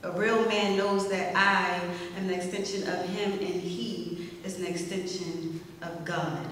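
A woman's voice: on the low side, flat delivery, a little slow, noisy background. A young woman performing spoken word poetry at an open mic, with a rhythmic, emphatic, confrontational delivery that builds to punch lines. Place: small arts center stage, indoors. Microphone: stand mic, filmed from the audience. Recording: echoey hall, voice from far off.

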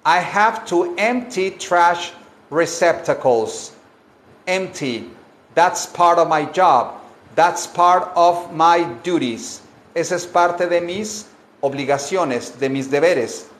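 Slow, patient male English teacher. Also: on the high side, lively intonation, a bit bright. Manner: repeats phrases slowly, explains in Spanish. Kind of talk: bilingual language lesson. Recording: echoey room.

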